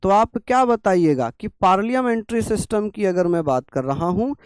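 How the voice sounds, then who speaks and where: A man's voice: sits high, lively intonation, moderate pace, clean tone, no room sound. A young man teaching an exam-prep class through a sore throat, coaxing and scolding students to write notes. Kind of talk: online exam-prep lecture.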